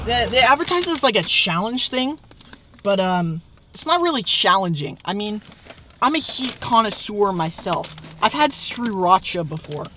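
A man's voice: high-pitched, sing-song, moderate pace. A teenage young man talking casually to camera as a food vlogger, in a hesitant, understated way. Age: teens. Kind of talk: casual vlog chat. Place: inside a car. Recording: clear car interior and traffic noise.

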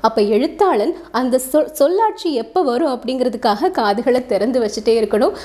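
Female narrator, fairly high, mellow voice, relaxed explanatory storytelling. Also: brisk. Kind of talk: narrating a short story with introduction.

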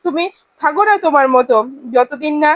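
A woman's voice: high-pitched, brisk, no room sound, lightly acted. A woman voicing a bitter young daughter who speaks harshly and defiantly to her mother.

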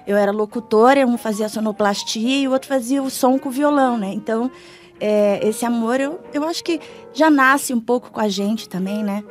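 A middle-aged woman with a Brazilian accent chats informally as a guest on a radio interview, frequently tacking on tag questions. Her voice sits on the high side at a moderate pace. She's on a studio microphone in a small foam-padded radio studio, with faint music in the background.

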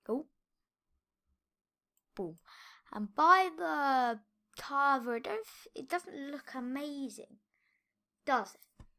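A woman's voice: fairly high pitch, gravelly, sharp tone. A woman hosting a casual reaction vlog, exclaiming and shrieking, easily spooked, with sighs between remarks. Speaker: reaction video host.

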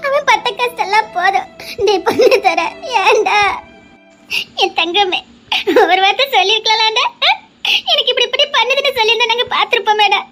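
A woman's voice: very high-pitched, a little fast, long pauses, fairly bright tone, faint music behind. A woman with a Tirunelveli Tamil accent playing a grieving older sister, sobbing and wailing over her sick brother. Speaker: actor in a family drama. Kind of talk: weepy family drama acting.

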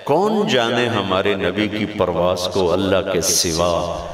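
A male preacher delivering a sermon, with swelling, drawn-out, half-chanted phrases. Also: lively intonation, slight background noise. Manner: impassioned, sweeping pitch, drawn-out chanted phrases. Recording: echoey hall from a distance.

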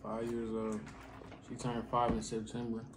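A young man talks casually as he eats, hosting a family vlog. His phrasing is colloquial and lightly teasing, aimed at a child. There is clear noise behind his voice. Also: mid-range voice, monotone, a little slow. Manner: eating while talking. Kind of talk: casual chat.

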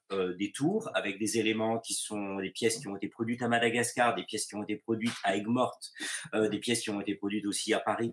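Low-voiced guy, artist on a video call, keeps restarting and repeating words while he thinks. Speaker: visual artist. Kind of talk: interview answer.

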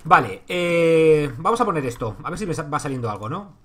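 A man's voice: fairly high pitch, sing-song, racing, bright, forceful tone, husky. A man from Spain streaming live gameplay, chatting casually with his viewers and swearing freely as he plays. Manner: talks to himself and chat, swears freely. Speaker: livestreaming gamer. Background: keyboard typing and clicks.

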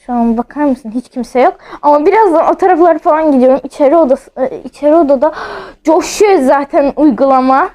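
A high, brisk, mellow female voice comes through a rough recording with no room sound. The speaker is a young woman vlogging on her phone in her house while playing a ghost-hunting app. She's jumpy and nervous, repeatedly admitting she's scared.

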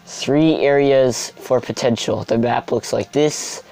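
Excitable young man commentating gameplay. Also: mid-range voice, slow, creaky, faint music behind. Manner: excitable, sarcastic, loud outbursts. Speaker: gaming video host.

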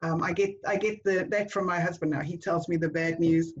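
A woman's voice: on the low side, steady tone, fairly quick, dull audio. A woman with a South African accent giving an upbeat, encouraging business talk to a networking group, addressing them as "guys". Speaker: networking speaker.

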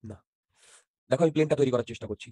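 A man's voice: medium pitch, rapid-fire, dark tone, no room sound. A man teaching physics in an interactive online class, often checking whether students follow and mixing in English terms.

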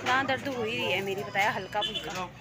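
A woman's voice: mid-range voice, fast. A woman, chatting and complaining to her viewers in a casual vlog. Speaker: vlogger. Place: outdoors in a market and streets. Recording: noisy street background.

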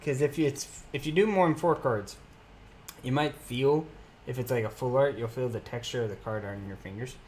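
A man's voice: mid-range voice, normal speed, darkish tone, slight background noise. A young man streaming live, reading card names aloud as he opens packs and chatting casually with his viewers.

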